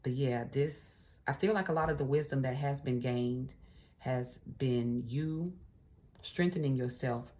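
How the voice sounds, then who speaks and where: A woman's voice: very deep voice, dark tone. A woman tarot reader giving a casual, encouraging reading straight to camera. She talks in a chatty way, often adding little check-ins and fillers, and keeps an uplifting spiritual tone. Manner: spiritual, uplifting pep-talk tone.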